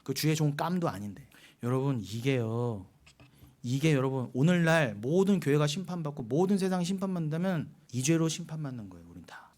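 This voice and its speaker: A middle-aged male pastor delivers a sermon in a church. He tells the story with animated energy, mocking and acting out the characters as he goes. His speaking voice sits somewhat high for a man. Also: fairly quick. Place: church sanctuary.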